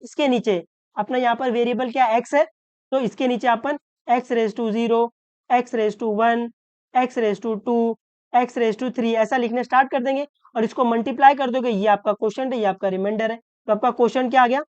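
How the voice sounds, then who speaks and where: A woman maths tutor from Maharashtra explains a problem step by step, often checking that the students follow and slowing down to stress each rule. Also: a little high, steady tone, darkish tone, clean tone, dry recording. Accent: Hindi-English mix, Maharashtra. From Maharashtra, India. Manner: checks understanding with repeated questions; slows down to stress key rules.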